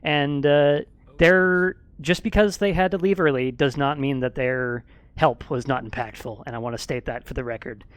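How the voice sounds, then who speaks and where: A man organizing a roleplay project, giving casual, earnest thanks and walking players through changes, pausing with frequent fillers. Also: mid-range voice, fairly even intonation, clear, resonant tone, dry recording. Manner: halting, many fillers, earnest. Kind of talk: casual wrap-up talk.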